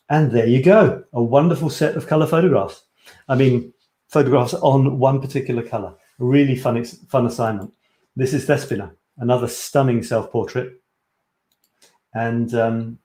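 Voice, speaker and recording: On a live stream, a photography coach from Scotland enthusiastically presents his course, chatting and rambling a little as he restarts sentences to correct himself. He has a mellow, ordinary-pitched voice, and the room gives off a noticeable echo.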